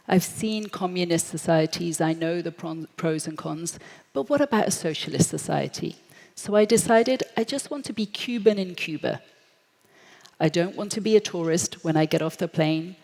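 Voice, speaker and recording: A British woman in her thirties, speaking at a forum, tells stories in a low, gravelly voice. She's a lively storyteller who acts out the voices she quotes, and the large hall gives the recording a long, echoey reverb.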